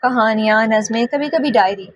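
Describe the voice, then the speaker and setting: A woman reading as a gentle, shy young wife. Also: fairly high pitch, no room sound, natural voice.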